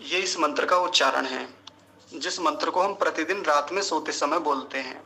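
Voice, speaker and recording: A male teacher giving a pronunciation lesson, sounding each syllable out slowly and carefully and then chanting the verse in a sung tone. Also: fairly high pitch, pushed and bright, a little hiss or hum, poor audio. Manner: slow, careful syllable-by-syllable enunciation. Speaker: Sanskrit teacher.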